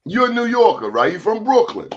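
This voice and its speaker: A man's voice: high voice, big pitch swings, fairly quick, dull audio, a little hiss or hum. A man hosting a talk show, telling comic stories in casual, colloquial, exclamatory chat.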